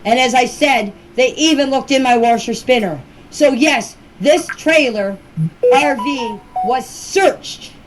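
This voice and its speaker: Taking it slowly, a woman with a high voice tells her own side of events while answering questions in a casual voice message. Her tone is defensive and insistent, pressing each point firmly, over faint noise on an amateur recording.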